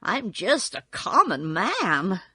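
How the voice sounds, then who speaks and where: A woman's voice: medium pitch, wildly swooping pitch, takes it slowly, pushed and bright, husky, no room sound, clean studio sound, heavily acted. A woman voicing a meek, pleading little old man with a trembling voice, a humbug wizard in a storybook. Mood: meek, confessing. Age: older.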